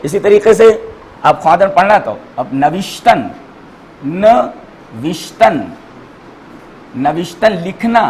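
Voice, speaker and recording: A man teaching a grammar class, repeating each word slowly and spelling out letters and vowel marks for his students. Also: high voice, expressive, slight background noise, rough recording.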